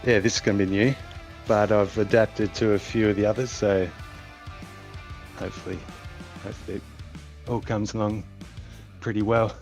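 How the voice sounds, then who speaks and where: A man's voice: fairly low pitch, flat delivery, moderate pace, pauses often, darkish tone, soft background music. Modest, hesitant racing driver man. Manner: modest, hesitant, many ums. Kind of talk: casual post-race chat.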